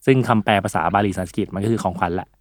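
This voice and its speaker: A man's voice: deep voice, steady tone, rapid-fire, no room sound, studio quality. A man co-hosting a casual podcast, explaining things in a chatty way and laughing often. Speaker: podcast co-host.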